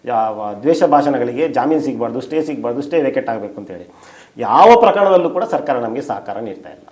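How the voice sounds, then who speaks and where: A man's voice: medium pitch, expressive, brisk, a little mellow. A man, a journalist and writer, answering interview questions in detail, emphatic and full of rhetorical questions. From India.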